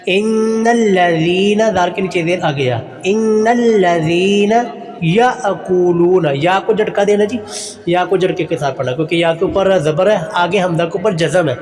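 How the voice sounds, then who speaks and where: A man with a Pakistani Urdu accent teaching Quranic pronunciation, slowly drawing out each word and then explaining the rules in plain, polite terms. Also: high-pitched, big-room sound. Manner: uses polite filler "ji" often. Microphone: phone voice recording for a messaging class.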